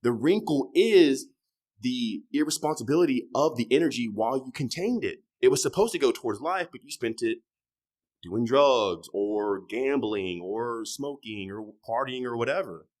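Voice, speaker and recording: A man in his thirties is a guest on a podcast, chatting loosely and swearing as he swings between loud, emphatic bursts and quiet asides that trail off. His voice sits at a medium pitch, and he sounds animated at a moderate pace.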